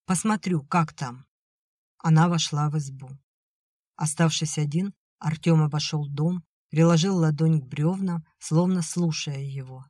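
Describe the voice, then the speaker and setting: A narrator reading a novel aloud in an even, measured way. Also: medium pitch, no echo, studio quality. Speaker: audiobook narrator. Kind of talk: scripted audiobook narration.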